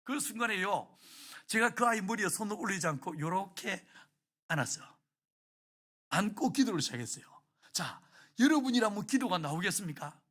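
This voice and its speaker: A male pastor delivers a heartfelt sermon, his voice sitting very high for a man. He tells a story with strong feeling and keeps turning to the congregation with questions. His tone is bright and forceful. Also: expressive, normal speed, long pauses. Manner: emotional storytelling that acts out prayers and asks the congregation questions.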